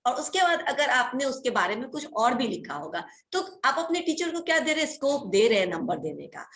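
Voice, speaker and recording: A woman's voice: sits high, sing-song, brisk, fairly bright tone. A woman college teacher giving an online class lecture, explaining firmly and checking in with her students again and again.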